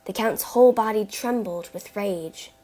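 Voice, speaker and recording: A woman narrating a chapter book in a slow, deliberate reading voice. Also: mid-range voice, mellow. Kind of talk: storybook narration.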